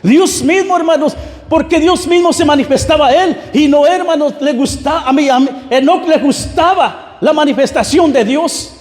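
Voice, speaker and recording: At a church service in a large, echoey hall with long reverb, a man with a very high, darkish voice preaches a fervent Pentecostal-style sermon at normal speed. He exhorts the congregation directly and keeps circling back over his phrases.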